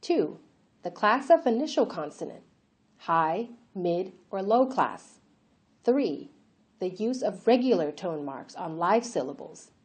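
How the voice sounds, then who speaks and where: A woman giving a clear, listed summary in a scripted language lesson. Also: medium pitch, sing-song, slow, darkish tone. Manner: clear, enumerating summary delivery. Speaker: language instructor. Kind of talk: scripted narration.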